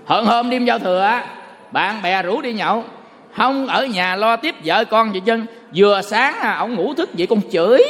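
A man giving a Buddhist dharma talk, a folksy, animated storyteller who quizzes his listeners. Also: high voice. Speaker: Buddhist monk. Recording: long hall reverb.

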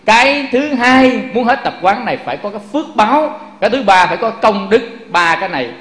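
A man's voice: sits high, animated, a little fast, fairly bright tone. Man, Buddhist sermon, rhetorical questions, echoey room. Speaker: Buddhist preacher.

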